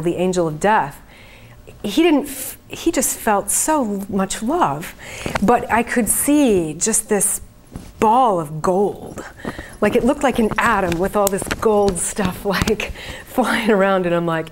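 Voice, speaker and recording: A woman's voice: fairly low pitch, slight background noise. A woman speaking informally to a group as a spiritual channeler, with an earnest, conversational manner. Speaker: trance channeler leading a group event. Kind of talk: informal spoken talk to an audience.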